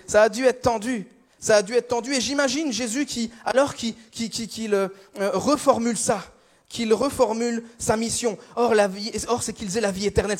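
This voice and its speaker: A young man from France preaching a sermon, telling stories in a lively, self-mocking way with frequent restarts. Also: high voice.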